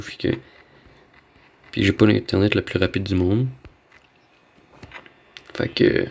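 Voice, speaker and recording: A man's voice: deep voice, creaky. A man with a Québécois French accent giving casual, rambling gaming commentary, slangy and dropping in bits of English slang. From Quebec, Canada. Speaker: gamer recording a video.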